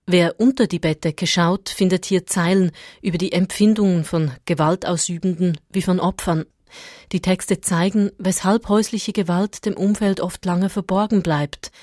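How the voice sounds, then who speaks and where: A female radio reporter reads her report in a measured, even delivery. Her voice sits on the low side and is recorded dry and close. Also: dry recording. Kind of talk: scripted news narration.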